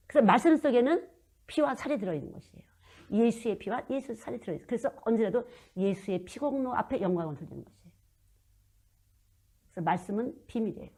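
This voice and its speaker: A woman in her fifties delivers a sermon in a husky voice. She tells stories from her own life. Her level swings from loud, emphatic lines to hushed, almost whispered asides. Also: fairly high pitch. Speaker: children's missionary preacher.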